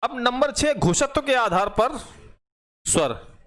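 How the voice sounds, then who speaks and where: High-voiced man teaching a grammar class. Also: expressive, slow, a bit bright. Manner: explains step by step, repeats examples aloud and asks rhetorical questions. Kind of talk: online Hindi grammar class.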